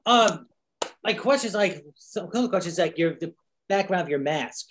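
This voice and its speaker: A man's voice: high voice, lively intonation, normal speed, fairly bright tone, slight background noise. A man asking an interview question in loose, rambling phrasing.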